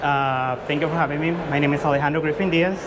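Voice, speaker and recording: A man's voice: on the high side, fairly even intonation, fast, loud music behind the voice. A man in his thirties from Guatemala, speaking English, earnestly presenting his drink to judges with frequent fillers and restarts. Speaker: competing barista. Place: large indoor exhibition hall. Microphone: far camera. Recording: loud hall noise from far off.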